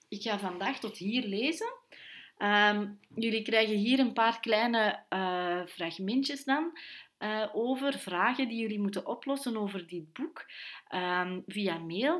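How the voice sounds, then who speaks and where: A woman's voice: medium pitch, unhurried. A woman teacher, reading a book aloud to her students and chatting informally, with many fillers.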